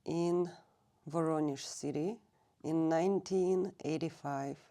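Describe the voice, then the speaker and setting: Being interviewed for an oral history recording at a public library, a Russian woman in her thirties talks slowly with a low, mellow voice. Russian is her native language, and her speech is halting as she frequently stops to find English words.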